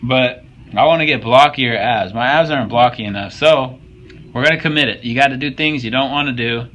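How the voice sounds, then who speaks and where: A man's voice: mid-range voice, brisk, a bit bright, muffled recording, slight background noise. A young man casually commenting on workout footage, joking and swearing as he coaches viewers. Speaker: fitness vlogger.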